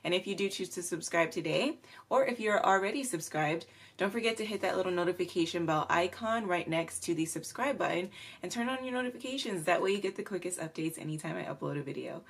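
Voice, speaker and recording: A woman's voice: fairly low pitch, quick pace, creaky. A woman with a nasal voice, stuffed up from allergies, chatting casually to her viewers as she wraps up her video. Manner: friendly, apologetic, chatty sign-off. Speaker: makeup vlogger. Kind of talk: casual outro to camera.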